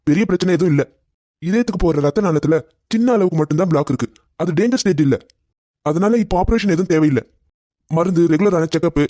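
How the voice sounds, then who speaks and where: A man voicing a brisk reassuring doctor. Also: fairly high pitch, mellow, no room sound. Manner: reassuring, explaining. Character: calm hospital doctor, adult man.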